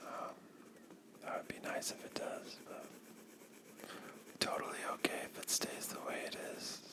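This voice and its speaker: Breathy asmr whisper right up on the mic, slow relaxed coloring chat, drifts off mid thought. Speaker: YouTuber with a coloring channel.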